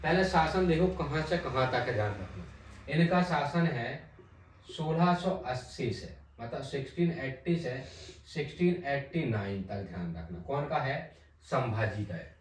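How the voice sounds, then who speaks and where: A male teacher giving an exam-prep history lesson, repeating key names and asking the class quick check questions. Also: lively intonation, slight background noise. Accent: Hindi. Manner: repeats key names, tag "ध्यान रखना" often drops low and soft. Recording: echoey room, mic at a distance.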